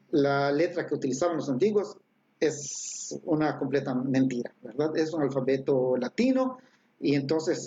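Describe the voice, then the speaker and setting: A man with a fairly high voice gives an online language lesson. He explains patiently, filling pauses and checking in with tag questions. The sound is dull and lo-fi, like a livestream. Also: warm tone. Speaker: Maya language teacher.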